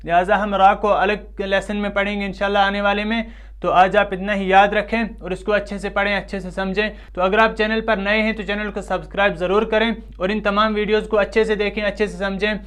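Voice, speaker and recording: High, smooth-voiced male tajweed teacher. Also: level tone, fairly bright tone. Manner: slow, drawn-out chanted recitation of examples; patient teacher who asks questions and answers them himself. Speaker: Quran recitation teacher. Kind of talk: tajweed lesson, explaining rules.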